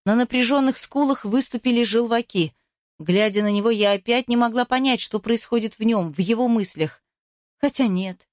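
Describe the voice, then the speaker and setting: A woman reading a first-person novel aloud in an emotional, expressive way. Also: fairly high pitch, no echo, clean studio sound. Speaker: audiobook narrator.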